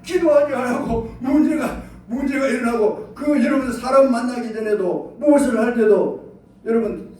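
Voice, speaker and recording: A male pastor preaching a sermon, animated, acting out quoted prayers and leading the congregation to repeat after him. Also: very high-pitched, moderate pace. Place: church sanctuary. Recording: echoey church hall from far off.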